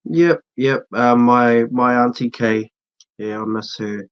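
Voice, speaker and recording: A man's voice: mid-range voice, slow, smooth. Laid-back kiwi guy, broad accent, slangy casual chat, kinda dull lo-fi sound. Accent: broad New Zealand. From New Zealand. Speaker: interview guest, social media creator. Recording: dull, muffled lo-fi audio.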